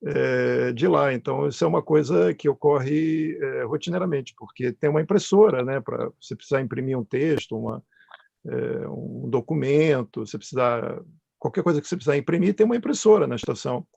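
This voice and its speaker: A man giving thoughtful, halting explanations as a panel guest, searching for his words. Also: medium pitch, vocal fry, a little mellow, slightly rough, no echo. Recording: dull, close, dry sound.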